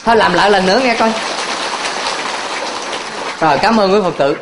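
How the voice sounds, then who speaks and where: A man's voice: high voice, moderate pace, background noise. A man, a Buddhist monk, preaching to a hall of followers in a playful way, laughing often and quizzing the audience. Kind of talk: sermon.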